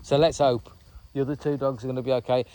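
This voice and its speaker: A man's voice: medium pitch, fairly even intonation, fast talker, warm tone. A man chatting in a rambling, casual way on a walking vlog outdoors by a reservoir. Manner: rambling, chatty, full of "you know what I mean". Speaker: vlogger.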